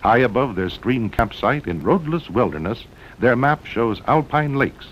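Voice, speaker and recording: Animated but unhurried, an American male narrator dramatizes a 1960s promotional documentary in brief, punchy phrases. The sound is that of an old film track, muffled and rumbling.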